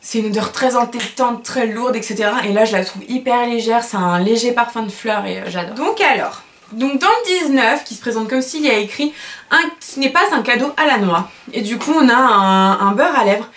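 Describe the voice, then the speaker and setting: A woman's voice: fairly high pitch, animated, normal speed, a bit bright. A woman beauty vlogger chatting casually while unboxing products, gushing and chatty with many fillers and self-corrections.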